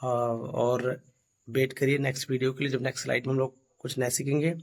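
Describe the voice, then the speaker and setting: A man teaching a beginners' English lesson from slides, asking and answering his own questions and slowly modelling English phrases. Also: medium pitch, little pitch movement. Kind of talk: slide-based spoken lesson.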